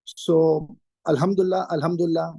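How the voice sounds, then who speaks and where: Older man, interview guest; high, mellow tone, emphatic and repetitive, dry close sound. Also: level tone, brisk, no echo. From Pakistan. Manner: emphatic, repeats key phrases. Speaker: interview guest, trainer and career coach. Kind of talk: interview answers.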